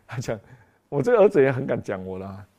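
A middle-aged man, preaching as a pastor and telling a personal story with frequent exclamations. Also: mid-range voice. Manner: animated storytelling, frequent exclamations, mixes in English phrases. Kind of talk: sermon with personal testimony.

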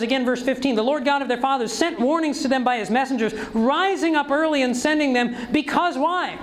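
A man's voice: very high-pitched, a bit bright, poor audio. A man preaching a sermon, reading scripture aloud and pressing the congregation with rhetorical questions.

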